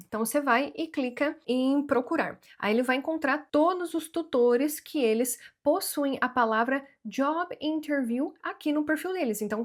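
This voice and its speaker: A woman, giving a casual tutorial walkthrough and acting out viewers' questions in a chatty way. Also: sits high. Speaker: language-learning vlogger.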